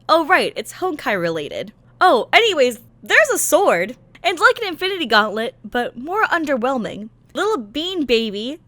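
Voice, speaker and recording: Reviewing a visual novel, this woman delivers slangy, casual recap commentary with theatrical emphasis and sarcastic, exasperated asides. The recording has no echo, and her voice is fairly high-pitched with a fairly bright tone.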